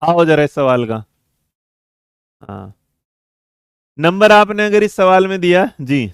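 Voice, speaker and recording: A man's voice: high-pitched, very animated, smooth, no echo, studio quality. A man teaching a live online exam-prep class, quizzing students, coaxing them along and answering their chat messages. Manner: brisk, coaxing, calls students 'beta' and 'mere bachche'; reads and answers chat messages mid-lesson.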